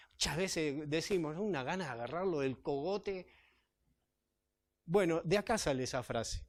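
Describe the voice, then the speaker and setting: A pastor preaches in church, his voice sitting fairly high for a man. He reads scripture aloud and explains it in an easy, conversational manner, often checking in with his congregation. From Chile. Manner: conversational, with tag questions to the congregation. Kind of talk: sermon.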